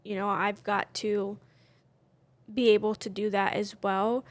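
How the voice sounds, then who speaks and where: A woman's voice: mid-range voice, level tone, unhurried, no room sound. A woman co-hosting a podcast, talking candidly and casually with lots of fillers. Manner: candid, chatty, many fillers. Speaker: podcast co-host. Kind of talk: casual chat.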